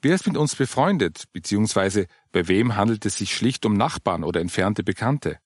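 A man reading the part of a calm older churchgoing woman who patiently explains her funeral plans. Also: lowish voice, normal speed, no room sound, studio quality. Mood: explaining.

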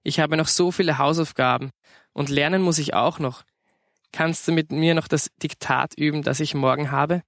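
A man's voice: fairly high pitch, fairly even intonation, creaky, fairly bright tone, no room sound, clean studio sound. A man voicing a chatty, demanding schoolgirl who pleads and hops between topics in a storybook reading. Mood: indignant. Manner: rapid topic-hopping pleading.

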